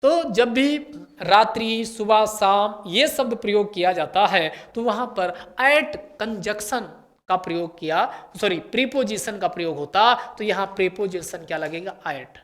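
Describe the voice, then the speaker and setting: A woman teacher going through an English test paper for exam candidates, asking questions and answering them herself and repeating key words. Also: mid-range voice. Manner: reads English test sentences slowly and carefully.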